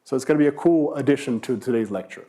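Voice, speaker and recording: A man's voice: medium pitch, fast talker, mellow. A man giving a university philosophy lecture, explaining with rhetorical questions and emphatic repetition. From Brazil.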